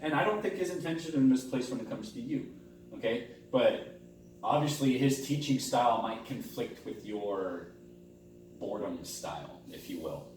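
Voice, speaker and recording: A man speaking as a school counselor in a role-play conversation, calm and reassuring like a therapist, rephrasing as he goes. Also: medium pitch, moderate pace. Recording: very echoey room, distant mic, faint hum.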